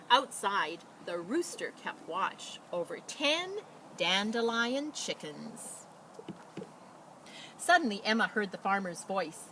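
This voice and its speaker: Outdoors beside a chicken coop, a woman acting as a school storyteller gives a casual introduction and then reads aloud expressively for children, explaining things in a simple, animated way. Her voice is medium-pitched, and the noisy outdoor recording picks up animal sounds.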